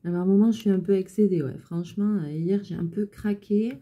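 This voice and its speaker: A woman's voice: medium pitch, fairly even intonation, brisk, lo-fi sound. A woman who runs a clothing alterations shop, chatting casually and venting with exasperation about her customers.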